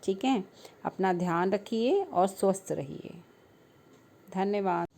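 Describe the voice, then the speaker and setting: Slow, patient woman teaching small children. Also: mid-range voice, animated, mellow. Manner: slow, patient, spelling out sounds syllable by syllable; affectionate, calls the children "beta". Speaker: primary school Hindi teacher. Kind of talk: online class lesson for young children.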